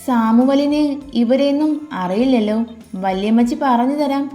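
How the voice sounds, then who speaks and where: A stern, commanding old matriarch, as a woman reading a storybook puts her on, firm and unhurried. Her tone is dark and mellow, set in a roomy, echoing space with faint music underneath. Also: high voice, lightly acted. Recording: echoey room, faint music.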